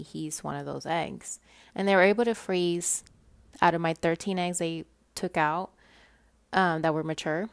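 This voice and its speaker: A woman in her thirties with a Puerto Rican accent hosts a personal podcast, chatting candidly through a monologue and laughing often. Her voice is low with a clean tone, and the recording is dry.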